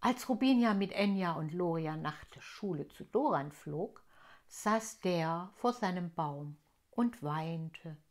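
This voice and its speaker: A woman reads a children's storybook aloud, taking it slowly and clearly. Her delivery is gentle and even, made for young listeners. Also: fairly low pitch. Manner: slow, clear, gentle reading. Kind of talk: reading a children's book aloud.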